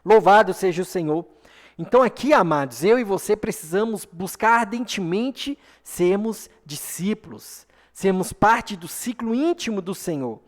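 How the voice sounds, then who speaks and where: A man's voice: high-pitched, animated, a little slow, few pauses. Brazilian man preaching in an echoing hall. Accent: Brazilian Portuguese. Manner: earnest, repeats "amém?" to the congregation. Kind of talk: sermon. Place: church hall. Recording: long hall reverb.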